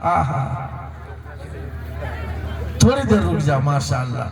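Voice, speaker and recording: A man with a Bhojpuri accent announcing donations at a religious gathering, lively and breaking into loud sung verses. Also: a little high, takes it slowly, gravelly, reverberant. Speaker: madrasa event fundraiser announcer. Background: crowd.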